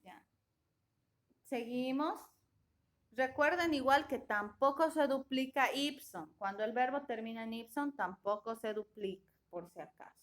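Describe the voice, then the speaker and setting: Slow, deliberate woman teaching grammar. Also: fairly high pitch. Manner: slow and deliberate, often checking with a questioning "¿ya?". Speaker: English teacher. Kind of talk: classroom grammar lesson.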